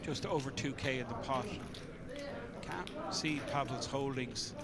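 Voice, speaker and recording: A man's voice: medium pitch, unhurried. A man with an Irish accent giving casual, chatty live poker commentary, with colloquial turns and hesitant asides. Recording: live, loud crowd chatter behind.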